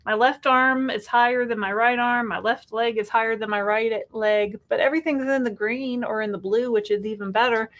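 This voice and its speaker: A woman in her fifties co-hosting a live question-and-answer chat, talking with animated, exasperated bursts and laughs. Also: high-pitched. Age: 50s. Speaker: co-host.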